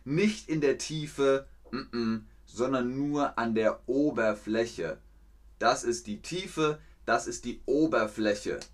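A man teaching a live online language lesson, answering chat questions patiently and repeating example sentences clearly. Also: mid-range voice, slow. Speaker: German language teacher streaming.

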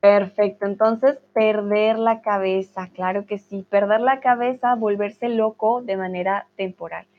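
A woman's voice: medium pitch, fairly even intonation, measured pace, few pauses. A woman teaching Spanish in a live-streamed lesson, reading out viewers' chat comments and answering them in a patient, encouraging way. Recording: dull lo-fi stream audio.

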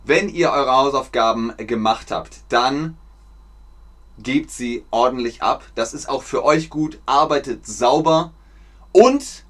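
A man giving a slow, clear German lesson on a live stream, repeating words for learners and chatting with viewers. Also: mid-range voice, fairly bright tone. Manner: chatty, reads out viewer names from chat. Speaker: German teacher.

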